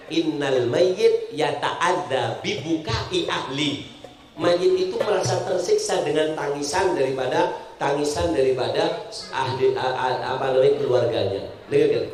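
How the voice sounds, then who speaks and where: A man with a Madurese accent preaching a humorous sermon, speaking straight to his congregation and mixing jokes with teaching. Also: mid-range voice. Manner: addresses the audience directly, mixing jokes and teaching. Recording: echoey hall sound.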